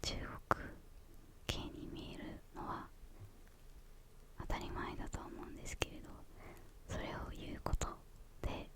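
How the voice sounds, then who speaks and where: A young woman answers questions in ASMR style, her voice a hushed, breathy whisper with hesitant pauses between short phrases.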